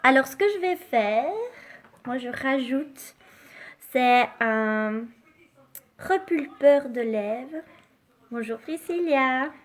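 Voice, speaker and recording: A woman hosting a live makeup demonstration, chatty and unhurried, filling pauses with little interjections and dropping to soft asides while she works. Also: sits high, expressive. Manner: chatty, unhurried, full of fillers like "hein" and "hop". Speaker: makeup live-stream host.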